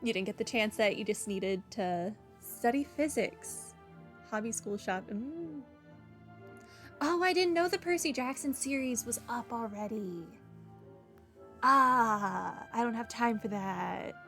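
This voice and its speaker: A young adult woman streams a video game, offering chatty, casual commentary and reading dialogue options aloud. Her fairly high, fairly bright voice moves slowly over soft background music.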